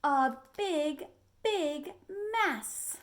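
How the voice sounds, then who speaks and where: A high-pitched, animated woman draws out her words while reading a picture book to young children. She's a librarian giving an expressive storytime, inviting the kids in with questions.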